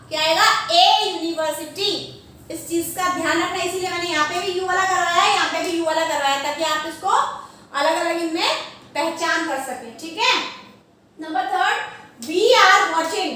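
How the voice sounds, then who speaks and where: A woman's voice: extremely high pitch, sharp tone. A woman teacher with an Indian accent, patiently explaining grammar to young pupils in an online lesson, repeating questions for them to answer. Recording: far from the mic in an echoey room, faint noise.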